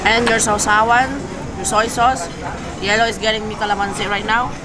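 A woman's voice: mid-range voice, steady tone, moderate pace, very noisy. A woman from the Philippines chatting casually on a vlog in a busy buffet restaurant, playfully naming the dishes.

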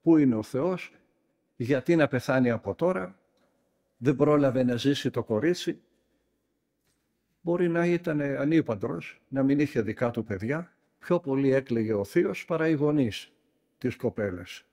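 A man, a monk, preaching a sermon, telling stories in a lively and emphatic way and sometimes scolding his listeners. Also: mid-range voice, pauses often. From Greece.

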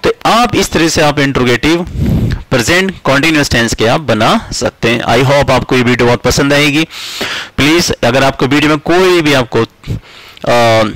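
A man teaching English in a video lesson, explaining in Hindi and slowly repeating example sentences. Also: medium pitch, a bit bright, no echo, poor audio. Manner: slow, deliberate repetition of English example sentences.

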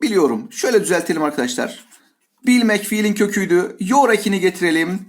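A man's voice: sits high, expressive, fast talker. A male teacher giving a grammar lesson, voicing his students' questions himself and answering them in a playful way.

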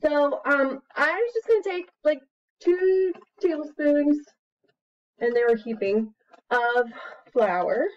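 On a slightly dull webcam recording, a high-pitched, slow-speaking woman in her thirties teaches young children. She gives an animated read-aloud and an easygoing craft demonstration, her singsong, expressive manner encouraging them to join along.

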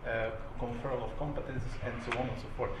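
A man moderating a roundtable discussion in a conference room, measured and academic with small jokes. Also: mid-range voice, steady tone. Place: conference room with a panel on stage. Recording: echoey room, distant mic, audible hum.

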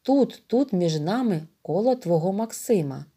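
A woman's voice: medium pitch, expressive, measured pace, warm tone, slightly rough. Woman reading a fervent young man; emotional, wide-ranging delivery. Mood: anguished. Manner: emotional, pleading outbursts. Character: young male hero, anguished and loving son.

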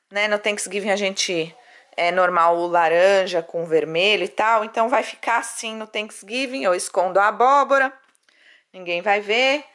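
A woman's voice: medium pitch, bright, forceful tone. A young Brazilian woman vlogging casually at home, chatty and doting as she talks to her baby. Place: at home, bedroom.

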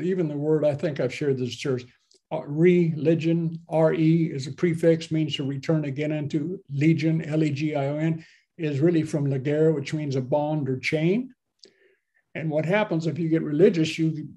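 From a small home office, a pastor in his seventies delivers his sermon into a laptop webcam on a video call. His fairly high voice is mellow and warm, and his preaching is conversational and rambling, with asides and frequent questions to listeners.

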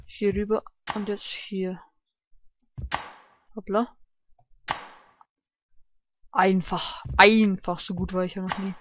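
A man commenting casually on a game he is playing, shouting and swearing when he fails and muttering quietly to calm himself down. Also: high voice, slow, pauses often, slight background noise. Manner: excitable, yelps and shouts at failures, swears. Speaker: let's play gamer.

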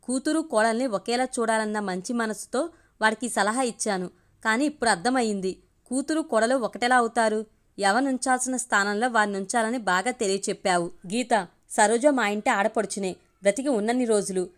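A woman's voice: on the high side, natural voice. A woman reading as a grave older mother. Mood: firm. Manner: firm, measured, grave.

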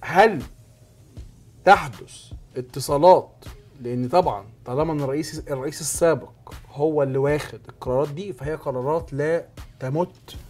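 Fast-talking Egyptian sports show host. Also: male voice, on the high side, darkish tone, soft background music. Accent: Egyptian Arabic. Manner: emphatic, explaining step by step. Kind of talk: sports talk show discussion.

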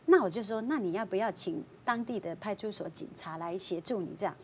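A woman, a fortune-teller guest on a talk show, telling a story in a lively way and acting out the voices of the people in it. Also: mid-range voice, brisk, a little hiss or hum. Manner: lively storyteller, voicing clients and police.

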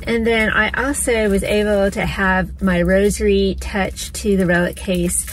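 A woman's voice: medium pitch, little pitch movement, unhurried, slight background noise, poor audio. Chatty middle-aged woman vlogging from her car. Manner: enthusiastic, chatty. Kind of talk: casual travel vlog talk. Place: parked car. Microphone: phone at arm's length.

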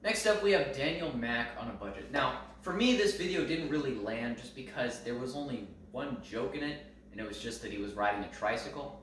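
A man with a bright, sharp-edged voice gives joking, mock-boastful takes in a casual chat. He sounds distant from the mic in a very echoey room, with faint hiss behind. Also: mid-range voice, expressive, fairly quick. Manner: playful, mock-boastful, jokey. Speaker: co-host and cameraman.

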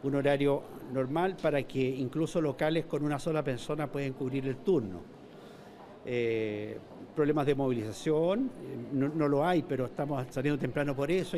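In an indoor shopping mall corridor, an older mall manager with a Chilean Spanish accent speaks into a reporter's handheld mic, often restarting and repeating words. His mid-range voice is warm and moderately paced, with a little hiss or hum in the audio.

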